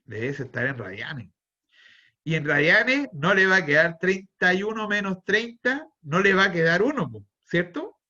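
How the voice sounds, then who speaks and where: A man's voice: high-pitched, big pitch swings, normal speed, pushed and bright, highs cut off. A man with a Chilean accent teaching a university math class online, thinking aloud, restarting phrases and quizzing his students. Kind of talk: online lecture.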